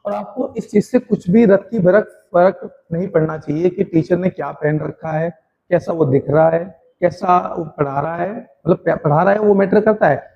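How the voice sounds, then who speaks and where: An Indian man teaching a spoken English class in Hindi, slowly drilling tongue twisters and encouraging his students like a caring teacher. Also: high voice, vocal fry, dull audio. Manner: addresses students as "beta", encouraging.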